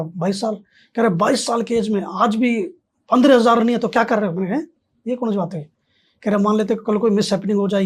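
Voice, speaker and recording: A man's voice: sits high, darkish tone, breathy edge. A man, a podcast guest, telling a story in casual conversation and acting out both sides of the dialogue.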